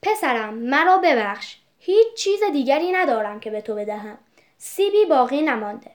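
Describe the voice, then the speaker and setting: A generous old tree from a storybook speaks in a tender, pleading way, voiced by a woman reader. The voice sits high and soft. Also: sing-song. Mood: sorrowful.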